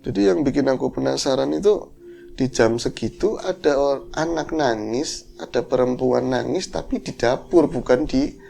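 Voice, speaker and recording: A man's voice: mid-range voice, moderate pace, vocal fry. A man, telling a horror story in casual chat and acting out the voices in it. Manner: animated, acts out voices in his story. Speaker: horror podcast host.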